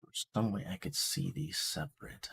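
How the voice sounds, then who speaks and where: A man's voice: on the low side, lively intonation, moderate pace, gravelly, sharp tone, slightly rough. A man casually hosting a live watch-along stream, thinking aloud and muttering to himself as he fiddles with the stream controls.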